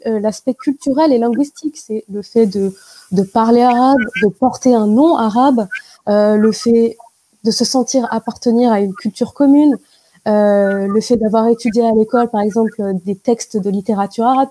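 A young woman answering interview questions over a video call, explaining carefully with many pauses and fillers. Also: on the high side, warm tone, poor audio. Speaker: guest. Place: indoor room at home. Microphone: video call with wired earphone mic.

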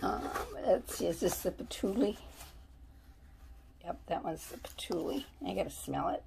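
A woman vlogs a casual shopping haul of soaps indoors at home, reading labels and chatting. Her low, gravelly voice is animated and moves at a normal speed, and a crowd can be heard in the background.

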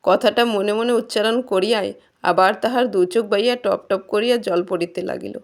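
Woman storyteller, measured and calm, classic literary story narration. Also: medium pitch.

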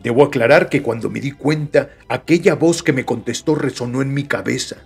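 A man's voice: mid-range voice, brisk, creaky, slightly rough, faint music behind. A man with a Mexican Spanish accent, hosting a podcast, reading listener stories aloud with chatty joking asides. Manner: chatty, joking asides between read passages. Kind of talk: casual storytelling reading.

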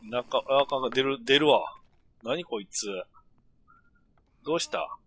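A man's voice: medium pitch, a little slow, fairly bright tone, no room sound. A middle-aged man, muttering and grumbling his way through casual game commentary with sudden outbursts. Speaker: gameplay commentator.

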